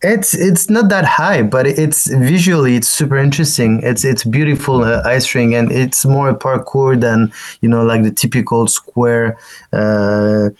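A French festival director in his forties speaks as a guest on the radio with a French accent. His medium-pitched voice keeps a fairly even intonation, but he halts often, restarting sentences and leaning on fillers.

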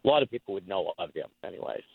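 A man calling in to a show over the phone, talking in a rambling way with many pauses and fillers. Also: deep voice, animated, creaky, husky. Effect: heard over the phone. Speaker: call-in caller. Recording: tinny phone line.

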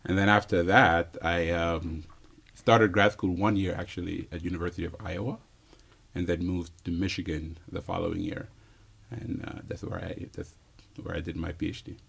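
Low gravelly guy from senegal in his 30s, easygoing, lots of ums and little laughs. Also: flat delivery, fairly bright tone. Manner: easygoing, pausing with fillers, chuckles often. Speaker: interview guest, physicist. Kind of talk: casual interview answers.

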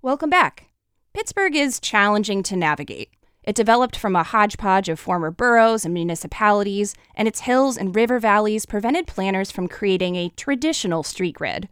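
A woman's voice: medium pitch, lively intonation, moderate pace, fairly bright tone, clear, resonant tone, no room sound, studio quality. A woman radio host reading scripted explanatory narration for a public radio podcast.

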